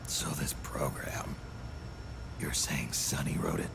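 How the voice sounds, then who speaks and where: Gruff fatalistic old male game soldier, raspy fry, dragging terse delivery. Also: rumbling low, noisy background, exaggerated voice. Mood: gruff, weary. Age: older. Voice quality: gravelly, raspy growl. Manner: terse, slow, world-weary.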